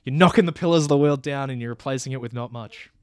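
A man's voice: medium pitch, clean tone, dry recording, studio quality. A man making sardonic arguments in a mock debate. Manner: sardonic, quick comebacks.

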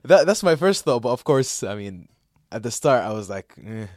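A man's voice: medium pitch, big pitch swings, moderate pace, a little mellow, dry recording, studio quality. A young man from Saudi Arabia co-hosting a podcast, chatting loosely with plenty of fillers, restarts and laughter. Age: young adult. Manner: rambling, laughs a lot, many fillers and restarts. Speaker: podcast co-host. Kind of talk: casual chat.

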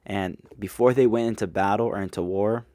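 A young man hosting his own podcast, talking to listeners in an earnest, coaching way and coming back again and again to the same rhetorical question. His voice sits on the low side and sounds close and dry, with no room around it. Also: fairly even intonation, fairly quick, dark tone, no echo. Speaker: podcast host. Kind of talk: solo podcast monologue. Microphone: close microphone.

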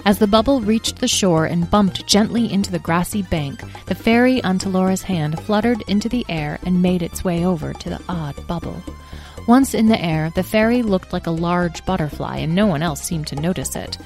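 A woman narrating a children's fantasy storybook with expressive, lively emphasis. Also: lowish voice, moderate pace, faint music behind.

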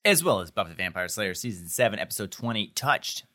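A man co-hosting a podcast in casual chat, easygoing and low-key, with the hiccups. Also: very animated, fast talker, pushed and bright. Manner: easygoing, low-key, reads show plugs. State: has the hiccups. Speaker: podcast co-host.

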